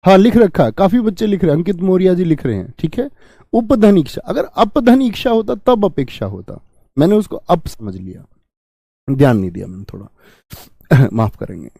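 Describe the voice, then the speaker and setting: A young man with a slightly high, mellow voice, recorded close and dry. He teaches a grammar lesson step by step, putting questions to his viewers and answering them himself, in a friendly tone. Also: big pitch swings, normal speed, vocal fry, no room sound. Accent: Hindi.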